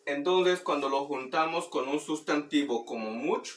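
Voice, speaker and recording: A man teaching Maya words through a children's song, speaking slowly and patiently and repeating words for practice. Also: fairly high pitch, a bit bright. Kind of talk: explaining and demonstrating a children's song. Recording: roomy, distant mic, faint background noise.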